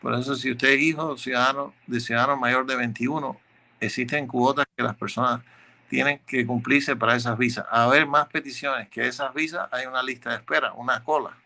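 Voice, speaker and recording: Bright, gravelly man explaining law. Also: medium pitch, fairly even intonation, brisk. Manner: explanatory, methodical, repeats words while searching. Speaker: immigration lawyer. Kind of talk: answering legal questions.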